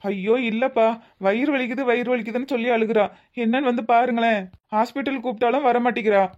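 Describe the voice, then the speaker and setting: The role here is an anxious young husband fussing through a stream of worried questions, voiced by a woman with a Tirunelveli Tamil accent. Her natural voice sits on the high side with a darkish tone and fairly even intonation; the lo-fi sound is slightly muffled.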